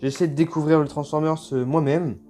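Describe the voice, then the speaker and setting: A man giving casual, excited unboxing commentary, gushing and exclaiming often with lots of slang, recorded on a phone. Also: a little high, fairly quick, faint music behind. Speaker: toy unboxing vlogger.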